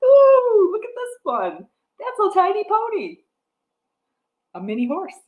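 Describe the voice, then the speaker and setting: A woman in her forties reading a picture book aloud to toddlers in a sing-song way, pausing to ask them simple questions. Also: extremely high pitch, huge pitch swings. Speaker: children's storytime host. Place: wood-floored living room with a piano, indoors. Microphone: webcam or device mic at about arm's length. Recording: echoey room, device microphone.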